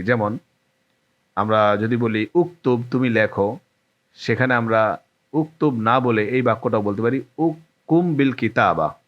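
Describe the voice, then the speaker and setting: Patient male Arabic teacher, slightly muffled. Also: mid-range voice. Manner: patient, repeats each phrase with its translation. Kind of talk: spoken language lesson.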